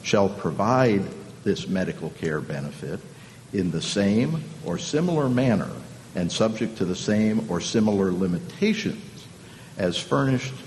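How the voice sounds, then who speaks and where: A deep-voiced man delivers a formal legal argument. He is deliberate and halting, often hesitating, in a reverberant hall with a faint background rumble. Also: animated, darkish tone. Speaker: appellant's lawyer. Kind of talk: formal oral argument to a court. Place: large conference hall.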